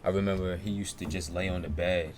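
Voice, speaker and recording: A young man, co-hosting a casual podcast and telling stories in a relaxed, slang-heavy way. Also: deep voice, brisk. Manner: laid-back slang-heavy storytelling. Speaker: podcast co-host. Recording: noisy room ambience.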